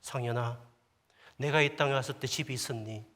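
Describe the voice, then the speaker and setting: A male pastor voicing the Lord as a gentle inner voice, soft and sometimes whispered, in a sermon. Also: medium pitch, fairly even intonation, fairly quick, lightly acted. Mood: tender. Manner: soft, hushed, at times whispered. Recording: long church hall reverb.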